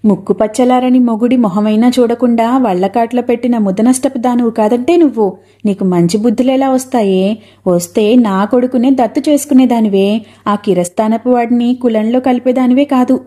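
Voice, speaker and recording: A woman's voice: on the high side, moderate pace, dark tone, natural voice. A woman voicing a spiteful older village woman who hurls scornful taunts, in a storybook reading.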